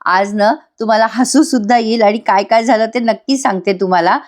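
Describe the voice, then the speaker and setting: A woman's voice: on the high side, brisk. A woman giving a voice-over review of a TV serial episode, chatty and constantly turning to her viewers. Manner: chatty, keeps addressing viewers.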